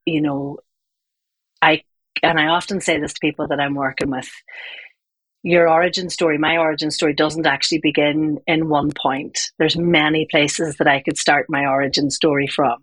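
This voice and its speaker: A woman's voice: deep voice, level tone, normal speed, fairly bright tone, breathy edge, no echo, rough recording. A woman speaking as an interview guest, explaining things in a reflective, conversational way. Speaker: interview guest, communication coach.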